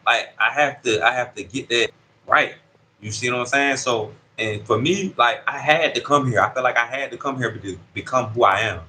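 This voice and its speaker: Bright and forceful at a moderate pace, this mid-range male voice comes through poor audio with slight background noise. He's an incarcerated man in his thirties in a prison dorm, recounting a casual story in street slang and asking again and again, "you see what I'm saying."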